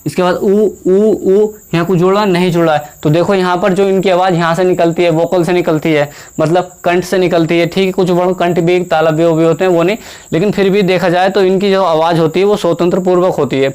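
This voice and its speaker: A young male teacher giving a Hindi grammar lesson. He asks the class questions, answers them himself, repeats key terms and draws vowel sounds out slowly to demonstrate them. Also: high-pitched, little pitch movement, a little mellow, smooth.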